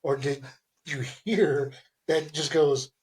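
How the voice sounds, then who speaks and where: A man chatting casually in his normal voice, animated and questioning. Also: on the high side, slow pace, slightly rough. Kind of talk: casual podcast chat.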